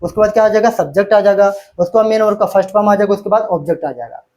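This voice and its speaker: A male teacher giving a classroom-style grammar lesson. He talks in a steady back-and-forth with himself, throwing out a question and then answering it, and repeats the key words. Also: high voice, rapid-fire.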